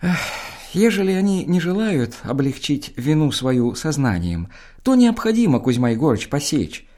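A man's voice: on the high side, sing-song, moderate pace, mellow, pitched above the performer's own voice. A man voicing a sanctimonious church clerk who speaks mildly and hesitantly. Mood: pious. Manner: mild, pious, hesitant.

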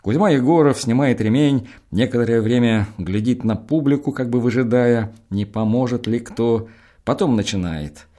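A man narrating a story in a measured, expressive reading. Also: mid-range voice.

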